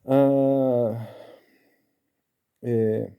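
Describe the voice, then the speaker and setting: A man giving a casual Bible study, explaining step by step and tagging his sentences with quick checks to the listener. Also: medium pitch, fairly even intonation, gravelly, dark tone, smooth. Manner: chatty, keeps tagging lines with "né?"; explaining Hebrew letters and pronunciation step by step.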